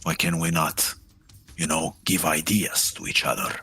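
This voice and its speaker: A man playing a proud, strong-willed warrior in a tabletop game, arguing earnestly in a husky voice. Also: extremely low pitch, big pitch swings, moderate pace, sharp tone, faint music behind, heavily acted. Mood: earnest, pleading.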